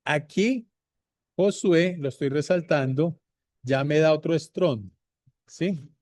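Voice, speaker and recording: A man teaching a Bible lesson to viewers, repeating his points slowly and speaking to them directly. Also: fairly high pitch, darkish tone, no room sound. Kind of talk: slow deliberate bible teaching.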